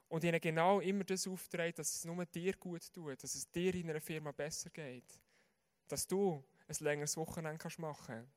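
A man with a Swiss German accent preaching a sermon, earnest and putting questions straight to his listeners. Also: fairly high pitch.

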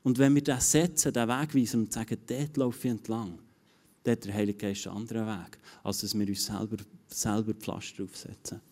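A man preaching a sermon. His voice sits somewhat low and sounds warm and mellow. He speaks earnestly and often goes back over his own words. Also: steady tone, brisk. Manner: earnest, repeats phrases and restarts, acts out quoted inner voices.

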